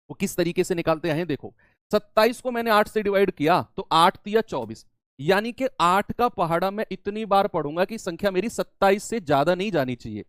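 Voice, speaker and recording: A man gives a maths lesson in a high, clear voice, recorded close and dry. He walks through each step, repeats the key terms, and now and then answers in the voice of his students. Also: fairly bright tone, dry recording. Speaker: maths teacher. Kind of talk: classroom maths lecture.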